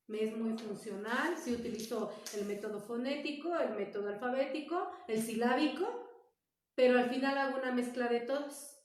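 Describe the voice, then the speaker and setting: A woman's voice: on the high side, a little hiss or hum. A woman teacher, patiently explaining reading methods to parents and often checking in with "¿sale?". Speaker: primary school teacher. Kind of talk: teaching parents in an informal talk. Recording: echoey room, far from the mic.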